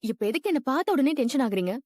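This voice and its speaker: A woman voicing a high, clingy young woman pleading. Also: big pitch swings, very fast, darkish tone, no echo, clean studio sound. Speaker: woman pleading for a man's love. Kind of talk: dubbed TV drama dialogue.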